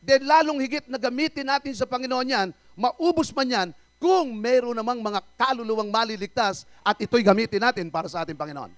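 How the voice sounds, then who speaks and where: A male pastor preaching a church sermon, firing rhetorical questions at the congregation and swinging between loud calls and quiet asides. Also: very high voice, fairly quick, few pauses, dry recording. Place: church service.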